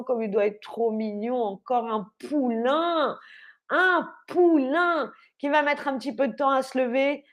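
A young woman teaching French on a livestream, speaking slowly and clearly, spelling words out letter by letter and cheering on viewers. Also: high voice. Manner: upbeat, encouraging, quizzes viewers. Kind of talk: live online vocabulary lesson.

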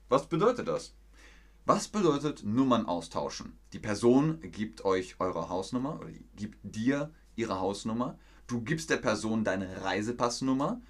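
A young man teaching a live-stream language lesson, explaining slowly and in a friendly way with example phrases. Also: fairly low pitch.

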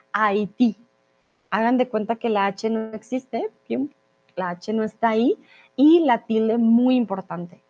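Woman from colombia teaching a spanish class live, friendly, kinda high voice, slows down on key words, muffled lo-fi sound. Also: a little mellow. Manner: friendly, explains slowly and stresses key words. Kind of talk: live online class, reading out viewer comments. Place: Mexico.

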